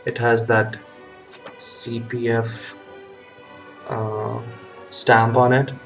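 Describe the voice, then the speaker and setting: A man talking casually to a webcam as a hobby video host, in a halting way with frequent ums and pauses. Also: medium pitch, level tone, soft background music. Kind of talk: casual vlog talk. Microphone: webcam setup.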